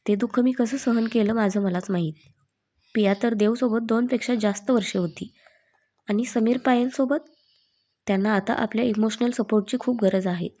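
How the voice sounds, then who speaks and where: A woman's voice: fairly high pitch, steady tone, normal speed, warm tone, close to an everyday voice. A woman voicing a loving, playful young bride-to-be with a coaxing manner. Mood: tender.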